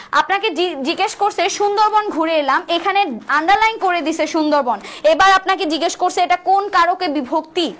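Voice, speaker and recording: A woman's voice: extremely high pitch, a bit bright. A young woman, tutoring students for university admission in an online revision class, joking and often checking "okay?". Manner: teasing asides, frequent checks with "ঠিক আছে?".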